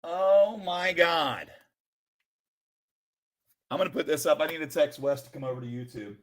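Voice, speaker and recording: A man streaming live as he sorts through a collection, calling out names with bursts of excitement and then dropping into quiet muttered asides. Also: fairly high pitch, normal speed. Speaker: sports card streamer opening a collection. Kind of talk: live-stream commentary while sorting cards.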